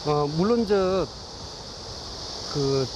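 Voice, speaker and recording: A man with a slightly high voice explains things as an expert in an unscripted field interview. He is outdoors, with clear ambient noise and insects behind him. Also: animated, drawn-out words. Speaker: expert commenting on habitat. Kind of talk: spontaneous on-site interview explanation. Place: outdoors in a park.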